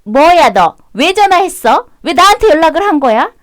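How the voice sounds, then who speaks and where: A woman voicing an obsessive, clingy mistress in her forties who talks in a shrill, indignant, bossy way. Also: very animated, moderate pace, no room sound, studio quality.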